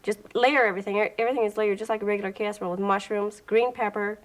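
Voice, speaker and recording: A woman walks through a recipe on a 1980s television show. She talks in a plainspoken, instructive way, at a middling pitch. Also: steady tone, very fast, low-quality recording. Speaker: guest cook. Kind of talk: cooking demonstration. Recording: 1980s TV broadcast audio.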